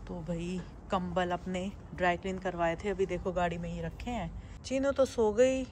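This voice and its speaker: A woman's voice: steady tone, moderate pace, darkish tone, slight background noise. A young woman vlogger chatting casually to her viewers, keeping her voice down at times. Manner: chatty, addresses viewers as bhai; lowers voice to avoid waking someone. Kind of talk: casual daily vlog chat.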